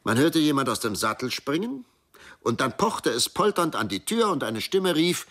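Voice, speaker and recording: A man's voice: fairly high pitch, big pitch swings, moderate pace, a bit bright. A man narrating a folk tale as a storyteller who speaks directly to his listeners.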